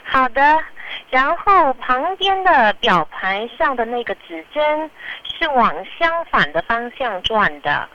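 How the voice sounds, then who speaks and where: Bright, expressive woman caller, slowly paced. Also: high voice, lo-fi sound, a little hiss or hum. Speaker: customer caller in a scripted phone dialogue. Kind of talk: scripted customer service role-play.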